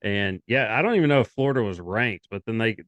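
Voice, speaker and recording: A man's voice: on the low side, fast talker, dry recording, muffled recording. A young man co-hosting a sports podcast, chatting casually and rambling through his takes. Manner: rambling, animated, quotes others in put-on voices.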